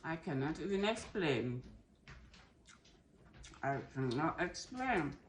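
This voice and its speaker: A woman's voice: low voice, sing-song, slow pace, slight background noise. A woman chatting casually as she eats, chewing while talking and humming as she savours the food. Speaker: food vlogger. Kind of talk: casual mukbang chat while eating.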